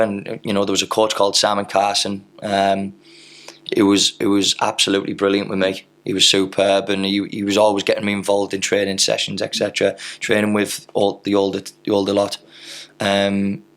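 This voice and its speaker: Gravelly, flat-voiced man. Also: lowish voice. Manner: rambling anecdotes with fillers and mild swearing. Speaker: podcast guest, footballer. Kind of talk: casual interview storytelling.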